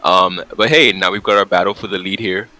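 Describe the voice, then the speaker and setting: Male race commentator, low pitch with a bright edge, relaxed conversational play-by-play. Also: brisk, rough recording. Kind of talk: casual live sim-race commentary.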